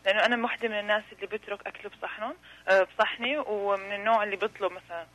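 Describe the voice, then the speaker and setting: A woman's voice: medium pitch, steady tone, very fast, a bit bright. A woman with a Levantine Arabic accent calling into a radio show, chatting casually over a phone. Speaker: phone-in caller. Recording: faintly noisy phone line.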